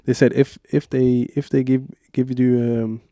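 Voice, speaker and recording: A young man from Switzerland tells a story in a casual podcast interview. His voice is mellow and dark, and he acts out what others said. The sound is close and dry. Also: medium pitch, moderate pace, no room sound. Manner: animated storytelling with acted-out quotes. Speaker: guest, professional basketball player.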